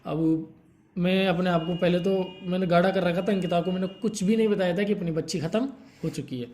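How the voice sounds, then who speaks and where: A young man telling a painful personal story in a halting, grief-stricken way, stopping often to soothe someone beside him. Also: high voice, steady tone, a little mellow, slight background noise. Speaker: vlogger telling his story.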